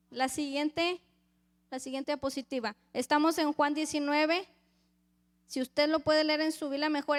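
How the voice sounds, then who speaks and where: Woman preacher, high voice, reads scripture and acts out crowd voices, sermon. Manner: addresses the congregation as brothers, reads scripture aloud.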